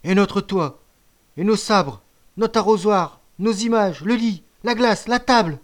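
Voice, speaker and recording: A man's voice: medium pitch, lively intonation, moderate pace, lightly acted. A man voicing a boy grumbling and lamenting over lost treasure. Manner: grumbling, wailing list.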